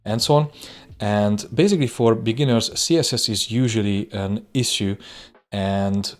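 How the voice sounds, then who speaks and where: A web design instructor records a screen-recording software tutorial in a low male voice at a moderate pace. His first language is Hungarian, and he sounds relaxed but hesitant, often saying "uh" and restarting sentences.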